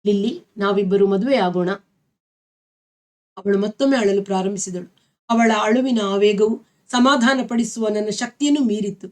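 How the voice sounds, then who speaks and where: A woman with a Kannada accent reading a novel aloud as a storyteller, in a steady, expressive way. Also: medium pitch.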